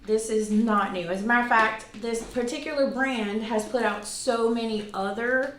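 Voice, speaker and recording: With a fairly bright, somewhat high voice at normal speed, this woman in her forties reviews products for vlog viewers. She's chatty and informal, often poking fun at herself. There's an echo to the room and a little background noise.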